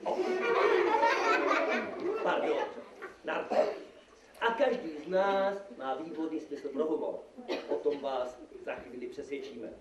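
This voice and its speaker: A man's voice: fairly high pitch, pauses often, a loud crowd, natural voice. A man playing a jovial male devil who lectures people at a live puppet theater show, chuckling and playful. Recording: echoey room, from far off.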